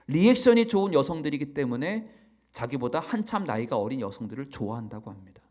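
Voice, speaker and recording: Animated, expressive male pastor preaching. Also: mid-range voice, quick pace. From Chungcheong, South Korea. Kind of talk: sermon.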